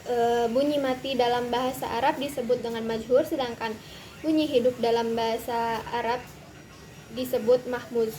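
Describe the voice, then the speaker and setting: A woman's voice: fairly high pitch, steady tone, moderate pace, mellow, slight background noise, poor audio. A young woman from Indonesia giving a recorded class presentation, explaining carefully with frequent hesitations. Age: young adult. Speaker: student presenter.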